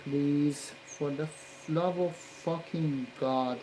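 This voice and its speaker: A frustrated hobbyist grumbles under his breath at a workbench, cursing at a fiddly board and now and then bursting into a loud yell. He drags his words out slowly, and a faint hiss of background noise sits under the voice. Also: steady tone. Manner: cursing angrily at the work, with sudden loud outbursts; low grumbling between outbursts. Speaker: hobbyist electronics maker. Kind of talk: muttering while soldering on camera.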